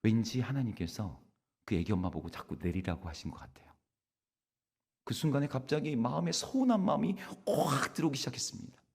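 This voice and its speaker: A male pastor preaching a sermon, telling stories in a lively way and acting out the people in them. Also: mid-range voice, fairly quick, vocal fry, breathy edge. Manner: animated storytelling, acting out the people in his stories. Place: church sanctuary. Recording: reverberant church hall.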